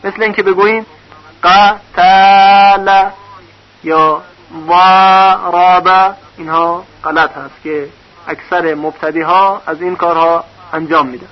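Patient male teacher with a high voice, sounding out syllables slowly in a recorded lesson; muffled, lo-fi sound. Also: steady tone. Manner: patient, spells out syllables one by one. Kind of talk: recorded lesson on reading vowel marks. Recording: dull lo-fi recording.

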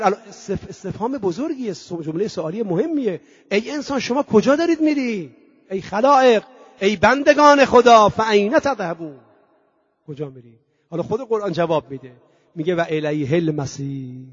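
A male preacher giving a sermon. He chants Arabic verses slowly and loudly, then explains them in conversational asides and drops in English words. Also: high-pitched, no echo, highs cut off.

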